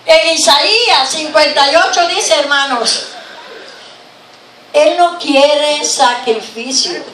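A woman's voice: high voice, takes it slowly, fairly bright tone, slight background noise. A middle-aged woman preaching from a pulpit with a handheld mic, earnest and breaking into praise between points. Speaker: guest preacher. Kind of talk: sermon. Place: church sanctuary, at a pulpit. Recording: roomy church sound from a distant camera.

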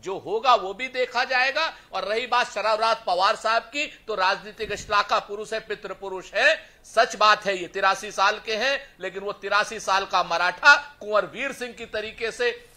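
A man's voice: sits high, moderate pace, sharp tone. A man speaking as a party spokesperson in a heated TV debate, sarcastic and declamatory, reciting couplets. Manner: sarcastic, mocking.

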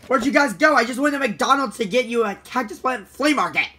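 A dim, jumpy male animatronic bear, as a performer puts him on in a homemade puppet skit. The voice is bright and sharp and climbs and drops all over. He keeps lurching from yelling to mumbling under his breath. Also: medium pitch, expressive, fairly quick, husky, voice pushed up. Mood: goofy. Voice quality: swings from shouting to mumbling.

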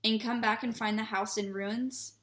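A woman's voice: fairly high pitch, fairly even intonation, normal speed, distant mic, a little hiss or hum, close to an everyday voice. A woman voicing a fussy, snappish middle-aged aunt in a storybook read-aloud, in a roomy-sounding recording. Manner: sharp, snappish. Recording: roomy echo.

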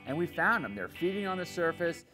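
A middle-aged man seated on a porch outdoors, calmly explaining fishing conditions in an interview. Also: fairly high pitch, a little fast, music in the background. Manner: calm, informative. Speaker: fishing show host.

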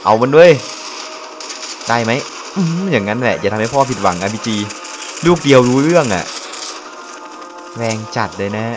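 Excitable young Thai man playing a game. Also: mid-range voice, normal speed, long pauses. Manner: excitable, exclaims and laughs often, slangy; speaks quietly late at night. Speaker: gameplay commentator. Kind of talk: casual let's-play commentary. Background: game music.

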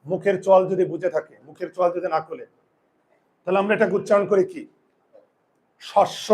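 High-voiced male teacher. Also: a little mellow. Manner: explains step by step with frequent questions to students. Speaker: Bengali grammar teacher. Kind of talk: whiteboard pronunciation lesson.

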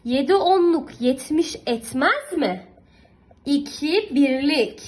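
A woman's voice: sits high, animated, takes it slowly, low-quality recording. A young woman teaching a math lesson to young children, patient and encouraging, often repeating and checking that they follow. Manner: encouraging and affectionate toward pupils.

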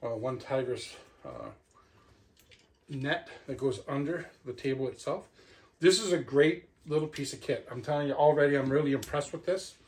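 A middle-aged man reviews a product in his living room, unboxing it and talking half to himself as he handles the gear. His voice is medium-pitched and darkish at a normal speed, and clicks and clear background noise come through.

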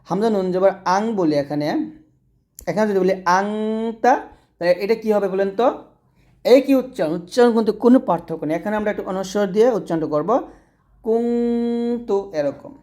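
A man teaching Quran reading, spelling out syllables slowly and then explaining in quick bursts. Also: sits high, dark tone. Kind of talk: recorded lesson.

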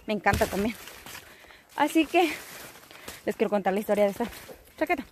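A woman telling a rambling, animated story to her vlog audience while outdoors. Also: mid-range voice, fairly quick, a little hiss or hum. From El Salvador. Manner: rambling, animated, self-teasing. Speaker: vlogger.

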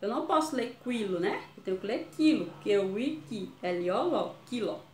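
A Brazilian woman teaching young children in a video lesson, sounding out syllables slowly. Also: mid-range voice, lively intonation, echoey room, slight background noise. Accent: Brazilian Portuguese. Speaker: primary school teacher.

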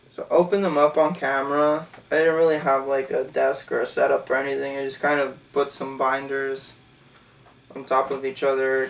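A gravelly, mid-range male voice, recorded far from the mic on low-quality gear in a small bedroom. He's a young Canadian in his twenties hosting his own channel, telling a story for a casual vlog in a loose, rambling way packed with "um" and "like."

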